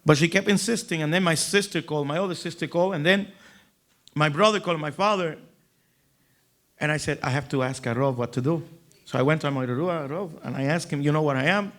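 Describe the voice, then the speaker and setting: A man speaks publicly as a rabbi in a slightly high voice. He delivers an inspirational religious talk built on stories, stressing his points and dramatizing the dialogue. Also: brisk, fairly bright tone. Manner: emphatic, dramatic storyteller who acts out dialogue. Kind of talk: inspirational religious storytelling speech.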